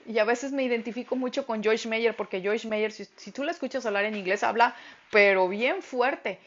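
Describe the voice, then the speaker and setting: Woman, middle-aged, bible lesson, strong loud voice, slightly high, lo-fi phone recording. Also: moderate pace. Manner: loud, emphatic speaking voice. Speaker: women's group Bible teacher. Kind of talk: Bible teaching talk.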